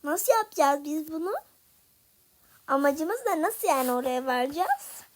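Young female gaming creator, high voice, frustrated chatter to viewers, faint noise behind. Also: lively intonation, unhurried. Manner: frustrated, talks to viewers while playing. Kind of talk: casual gameplay commentary.

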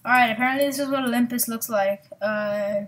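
A woman hosting her own gaming channel, giving excitable, rambling, self-mocking let's-play commentary into a desktop mic. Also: on the high side, fairly quick.

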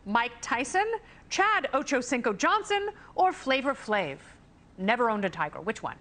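A woman's voice: on the high side, very animated, a bit bright. A middle-aged woman hosting a playful quiz game on a talk show, bubbly and teasing. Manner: bubbly, teasing, quick jokes and laughs.

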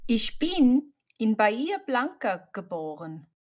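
A woman playing a young woman student answers in a slow, careful learner dialogue. Her voice is fairly high and moves around a lot in pitch. Each sentence comes out plain and unhurried. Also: big pitch swings, darkish tone, heavily acted.

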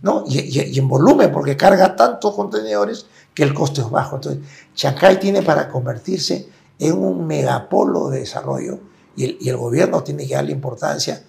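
A man's voice: fairly high pitch, animated, moderate pace, vocal fry, a little mellow. A man, a guest in a conversational interview, explaining his points at length and often tagging them with a check-in question. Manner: explanatory, tags points with "¿no es cierto?".

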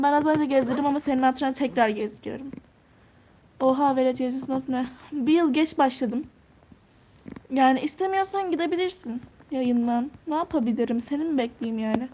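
Teen girl streamer, high-pitched, casual and chatty, thinks out loud while reading comments. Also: slight background noise. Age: teens. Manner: chatty, answers viewer comments one by one; thinks out loud while touring a game house. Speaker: live streamer.

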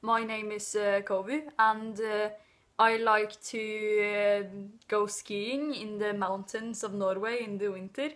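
A woman putting on an exaggerated Norwegian accent, speaking haltingly with drawn-out fillers. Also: medium pitch, fairly even intonation, fairly bright tone. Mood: hammy. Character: stereotypical Norwegian-accented woman introducing herself.

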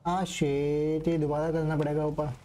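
A man streaming a game live, reacting excitedly, swearing, and talking to himself and his chat. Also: on the high side, unhurried, slight background noise. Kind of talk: live gaming commentary.

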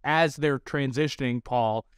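A man's voice: medium pitch, unhurried, clean tone, no room sound, studio quality. A man narrating a comedic recap of his reporting in a self-deprecating, rambling way.

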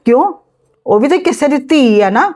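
A woman's voice: high-pitched, lively intonation, moderate pace, darkish tone. A woman playing an overworked daughter-in-law who lectures and complains at her husband's sister in a family skit. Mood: indignant. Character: overworked, fed-up young wife arguing with her in-laws.

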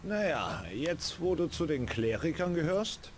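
A man's voice: on the high side, very animated, measured pace, slight background noise. An actor voicing a curious, wry male desert outlaw in a video game, talking in an easygoing, teasing way.

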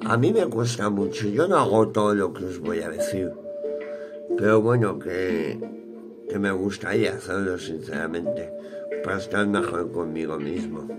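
A man in his thirties with a Peninsular Spanish accent, chatting casually and thinking aloud in a colloquial, rambling vlog style. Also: on the low side. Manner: unhurried, thinking aloud, colloquial with mild swearing. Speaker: vlogger. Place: small cluttered room at home, indoors.

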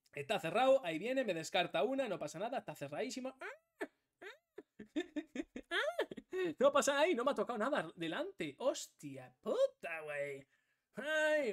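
A man commentating his own card game with swearing, sound effects and sudden shouts. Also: high-pitched. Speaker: gaming streamer.

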